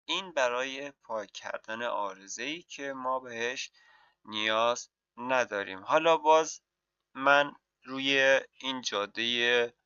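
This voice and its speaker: A man teaching mapping software in a screen-recorded tutorial, walking through each step and answering his own questions. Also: medium pitch, clear, resonant tone, dry recording, dull audio. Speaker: software instructor.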